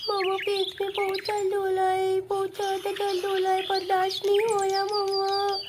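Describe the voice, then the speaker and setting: A woman's voice: extremely high pitch, monotone, normal speed, very noisy, voice pushed up. A woman voicing a young girl doll with a stomach ache, pleading and whining in a doll play story. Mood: pained pleading.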